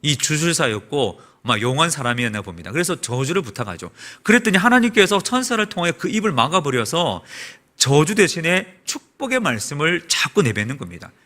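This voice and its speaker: A man preaching a Sunday sermon as a pastor in a church, asking the congregation rhetorical questions. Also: a little fast. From South Korea. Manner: preaching with rhetorical questions and lively swings in pitch and volume. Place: church sanctuary.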